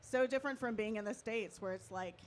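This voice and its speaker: A woman's voice: fairly high pitch, brisk, a little hiss or hum. A woman interviewing a band at a festival, chatty and giggly, full of fillers.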